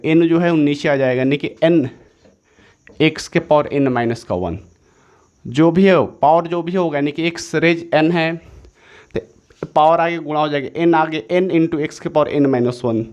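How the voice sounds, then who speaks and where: A man with a slightly high voice teaches an exam-prep maths lesson at a moderate pace on a lo-fi recording. He repeats each step several times, corrects himself as he goes, and apologizes mid-explanation.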